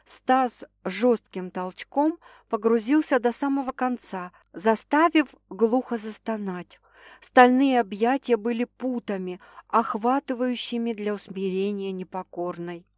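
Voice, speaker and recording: A woman narrating a romance audiobook in a steady, dramatic reading voice. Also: fairly high pitch, measured pace, no room sound, studio quality.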